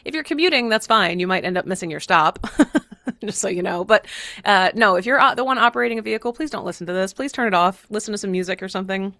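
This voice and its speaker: Fast and slightly bright, her medium-pitched voice carries lively intonation. She is a channeler from Virginia hosting her own spiritual podcast, speaking in a relaxed, meandering way with frequent laughter.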